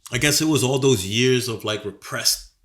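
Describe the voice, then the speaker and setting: A man's voice: medium pitch, normal speed, a bit bright. A man with a cold, co-hosting a podcast and telling a rambling, profane story in casual chat. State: sick with a cold. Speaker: podcast co-host.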